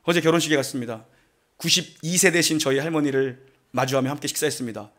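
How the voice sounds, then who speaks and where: A man's voice: on the high side, fast, a bit bright. A middle-aged male pastor preaching a sermon in a joking, conversational way, acting out prayers. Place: church sanctuary.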